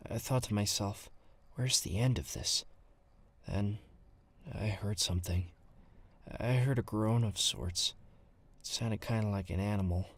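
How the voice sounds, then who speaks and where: An actor playing a nervous young male survivor, narrating an audio drama in the first person with tense, hushed storytelling. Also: fairly low pitch, measured pace. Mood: uneasy.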